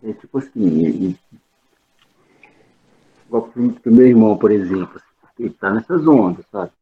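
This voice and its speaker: A man on a group video call, speaking with his phone held away so he sounds low and distant, talking hesitantly and repeating himself. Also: moderate pace, breathy edge, narrow, tinny audio. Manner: hesitant, repeats words and restarts.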